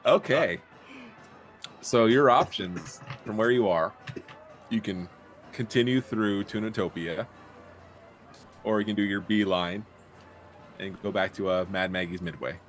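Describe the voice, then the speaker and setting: A man's voice: lowish voice, measured pace, long pauses, faint music behind. A man narrating an improvised tabletop role-playing game as game master.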